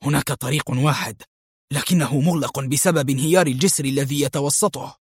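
رجل يؤدي دور رفيق خائف متوتر. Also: male voice, medium pitch, brisk, breathy edge, no room sound, clean studio sound, natural voice. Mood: worried. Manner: nervous, worried questions. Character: anxious frightened middle-aged male companion.

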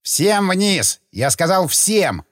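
A man voicing a brutal gunman who shouts curt orders. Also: sits high, sing-song, extremely slow, no room sound, clean studio sound, pitched above the performer's own voice, heavily acted. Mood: barking. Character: brutal male gunman accomplice, barking orders.

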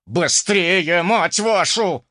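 A man reading an audiobook voices a foul-mouthed male enemy commander who growls and shouts in drawn-out phrases. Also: high voice, lively intonation, no echo, studio quality, voice pushed up, full character voice. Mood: angry shouting.

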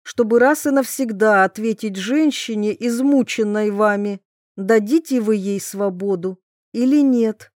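A woman reading a scheming, sharp-tongued provincial wife who is imperious and scornful, voiced higher than her own voice. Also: measured pace, no echo, studio quality, natural voice. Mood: reproachful.

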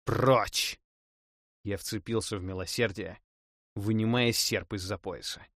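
A man narrating a first-person fantasy audiobook in a dramatic, expressive reading. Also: on the low side, moderate pace, no room sound, studio quality.

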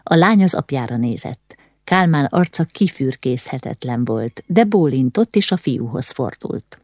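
A woman narrating a historical novel as an audiobook in an even storytelling delivery. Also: a bass voice, no room sound, clean studio sound.

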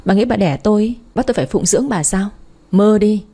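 Storybook figure: bitter, hysterical young woman, voiced by a woman reader, breathy tone. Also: medium pitch, brisk, dark tone. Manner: screaming accusations, bitter.

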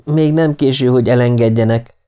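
A man's voice: mid-range voice, warm tone, smooth, voice pushed up, close to an everyday voice. A man voicing a frightened male captive who pleads with his kidnappers. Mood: pleading. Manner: pleading, agitated.

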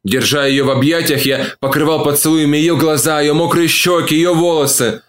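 A man reading a novel aloud as an audiobook, narrating in the first person at a measured, calm pace. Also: fairly high pitch.

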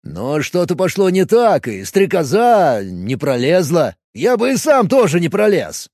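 A man's voice: a little high, wildly swooping pitch, unhurried, darkish tone, no echo, voice pushed up, heavily acted. Man doing a scared whiny dude in an audiobook, raised voice, dry close sound. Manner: anxious, mournful, cries out. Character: jumpy young man, panicky and whiny. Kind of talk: audiobook character voice.

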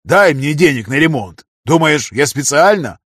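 A man's voice: on the low side, very animated, unhurried, breathy edge, no room sound, clean studio sound, heavily acted. A man doing a snappish young street vendor. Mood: rude. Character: rude young male vegetable seller, then frightened.

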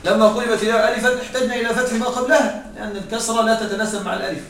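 Man teacher, high voice, patient step-by-step explaining, roomy echo, mic set back from him. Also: steady tone, a bit bright. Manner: explains step by step, often checks understanding; slows down to dictate parsing phrases. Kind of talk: Arabic grammar lesson. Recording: echoey room, distant mic, faint noise.

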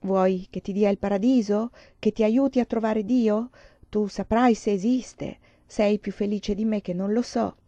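A woman's voice: medium pitch, steady tone, a little slow, warm tone, no echo, dull audio, lightly acted. A woman voicing an older male priest who has lost his faith, speaking in a sorrowful, solemn way. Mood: despairing.

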